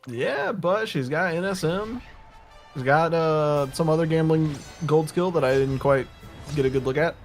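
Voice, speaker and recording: A man giving relaxed, analytical color commentary on a game tournament. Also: a little high, measured pace, soft background music. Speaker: co-caster analyst.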